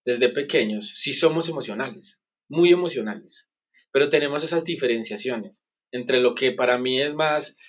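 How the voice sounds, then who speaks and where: A man's voice: mid-range voice, normal speed, dull audio. A man, a psychologist guest in a conversational interview, explaining earnestly and asking "¿sí me entiendes?" often. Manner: earnest, explanatory, self-correcting.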